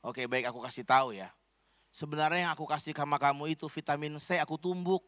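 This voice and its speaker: A male pastor voicing a calm, sly healer who reassures a distressed woman. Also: on the high side, fast, dry recording, lightly acted. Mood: calm reassuring.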